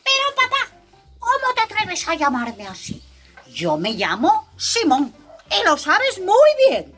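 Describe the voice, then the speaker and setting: A woman voicing a cheeky, stubborn little male bunny in a storybook reading for children, with drawn-out squeaky taunts. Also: sing-song, fairly bright tone, soft background music, full character voice. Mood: indignant.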